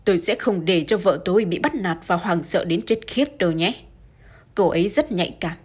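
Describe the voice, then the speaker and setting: A woman voicing an indignant, blustering middle-aged man in an audiobook, angry and loud. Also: on the low side, moderate pace, slightly rough.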